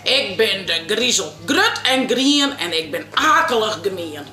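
A woman voicing a gruff, menacing big green monster in a children's storybook, speaking slowly in a lowered voice. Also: very animated, sharp tone, reverberant.

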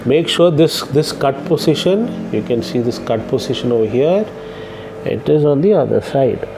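A young vlogger sits on the floor at home giving a casual, step-by-step how-to demonstration. His mid-range voice explains things haltingly, often pausing mid-sentence as he works. Steady ambient room noise runs underneath.

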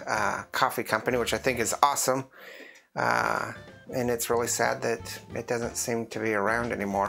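A man hosting a casual coffee review vlog. He talks in a rambling way, with lots of fillers and restarts, and his voice is rough from the morning. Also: medium pitch, a bit bright. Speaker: host of a drinks review channel.

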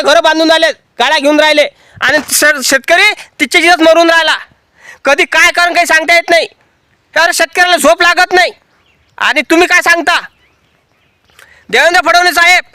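A man's voice: very high voice, sharp tone, no room sound, studio quality. A man, a farmer, making an impassioned protest speech to camera outdoors in a cotton field. He sounds angry and rhetorical and keeps repeating his points.

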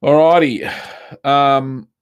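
An older South Australian man with an Australian accent hosts a casual live Q&A stream from a home studio with bookshelves, answering viewer questions. His medium-pitched voice is slow and smooth, relaxed and chatty with lots of ums and uhs, and he reads chat aloud over lo-fi sound.

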